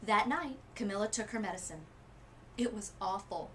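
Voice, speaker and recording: A medium-pitched woman, a literacy coach, performs a children's storybook aloud with lively emphasis and theatrical pauses.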